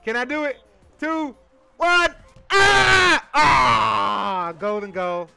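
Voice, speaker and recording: A man giving casual, excited commentary while playing a video game, playful and silly, often bursting into yells. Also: very high-pitched, extremely slow, vocal fry, soft background music. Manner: playful silly sound-making and chanting.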